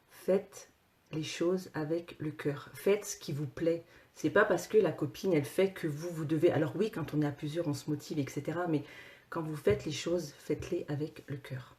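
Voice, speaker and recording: A woman coach talking casually to her viewers, animated, with many repeated words and restarts. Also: low voice, moderate pace. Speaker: personal coach and author.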